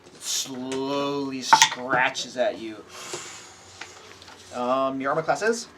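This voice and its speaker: A man's voice: medium pitch, drawn-out words. A man running a tabletop fantasy game, switching between descriptive narration and casual table talk. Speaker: game master. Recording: clearly noisy room.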